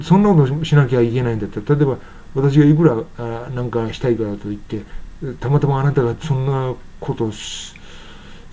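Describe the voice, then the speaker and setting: A man with a mellow, dark-toned voice teaches the meaning of song lyrics. He talks in an unhurried, halting way, pausing on fillers. He reads the English lines out slowly and carefully. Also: medium pitch.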